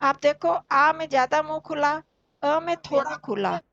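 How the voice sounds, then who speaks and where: High, gravelly-voiced woman teaching slowly. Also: expressive, fairly bright tone, no room sound, muffled recording. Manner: patient, explains step by step and recites sounds slowly for students to repeat. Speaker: Sanskrit teacher. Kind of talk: online class teaching. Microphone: online call audio.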